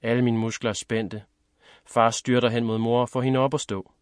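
A man narrating a first-person story in a measured, steady reading. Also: medium pitch, no room sound, clean studio sound. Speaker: audiobook narrator.

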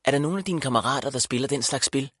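A man voicing a cheerful, eager mother in an audiobook, brisk and upbeat. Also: mid-range voice, fairly bright tone, husky, no echo, studio quality, voice pushed up.

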